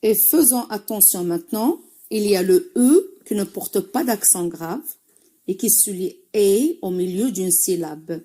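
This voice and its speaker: A woman teacher with a Moroccan accent giving a French reading lesson, spelling out sounds slowly and carefully, syllable by syllable. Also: mid-range voice, animated, dark tone. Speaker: primary school teacher.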